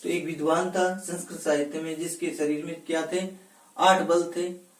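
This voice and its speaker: A fairly high-voiced male teacher works through a lesson at a deliberate pace. He keeps asking the class a question and then giving the answer himself, stressing each piece of a word. He is recorded off mic in an echoey room. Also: level tone, distant mic.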